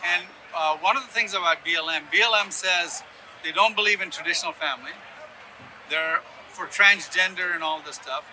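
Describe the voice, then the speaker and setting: A little hiss or hum runs under this low-quality recording of a high-pitched man speaking at normal speed in a sharp tone. He's an interview guest and conservative activist, born in Ghana and raised across Sudan, Yemen and Ethiopia, explaining politics with strong opinions and habitual "right?" check-ins.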